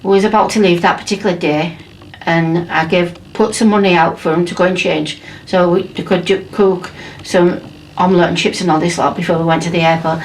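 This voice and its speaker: A woman's voice: lowish voice, steady tone, brisk, slight background noise. A woman in her fifties from England, telling her story bluntly and emphatically in a documentary interview. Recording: distant mic with faint background ambience.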